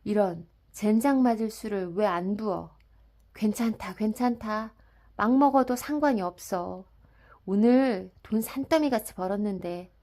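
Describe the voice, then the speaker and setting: A woman's voice: mid-range voice, unhurried. A woman playing a brash drunken rickshaw man. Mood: boastful drunk. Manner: loud, rough, blustering shouts. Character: drunken middle-aged male rickshaw puller, brash and boastful. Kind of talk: dramatic audiobook reading.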